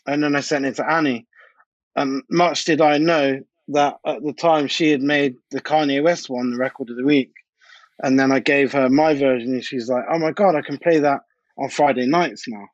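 The man, a DJ and music producer, talks casually and anecdotally during an interview, repeating himself for emphasis. His medium-pitched voice stays steady at a moderate pace, and the dry recording has its highs cut off.

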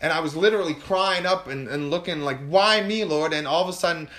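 A man guest in an interview telling a candid personal story, animated and emotional, often restarting and repeating words. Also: on the high side, fast talker. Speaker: podcast guest.

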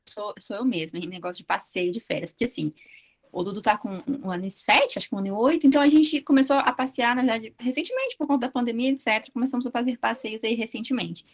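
A woman's voice: a little high, fast. A woman chatting casually about her toddler, eager and self-deprecating as she tells her stories. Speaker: mother of a toddler. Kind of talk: casual chat.

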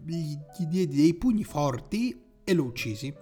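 This young man talks in a fairly high voice, spinning jokey anecdotes in a casual podcast chat. He bursts into shouted lines when quoting people. Faint music sits behind him. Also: very animated, moderate pace. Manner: storytelling, jokey, acts out shouted quotes. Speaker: podcast co-host.

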